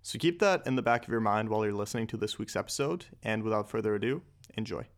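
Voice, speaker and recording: A man's voice: on the low side, quick pace. A man in his twenties from Austria, hosting a podcast and talking loosely and candidly. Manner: loose and candid, lots of "like" and swearing. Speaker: podcast host. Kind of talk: casual podcast chat. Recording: echoey room.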